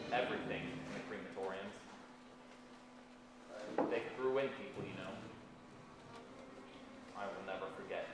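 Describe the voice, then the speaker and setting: A man playing an elderly male camp survivor, speaking haltingly and repeating phrases on a stage. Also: mid-range voice, lightly acted. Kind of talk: stage testimony monologue. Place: school stage. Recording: echoey hall, mic far off.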